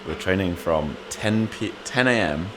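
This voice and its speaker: A man's voice: sits low, expressive, unhurried, noisy background. Joking man hosting a vlog. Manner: joking, chatty. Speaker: vlog host. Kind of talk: casual vlog chat.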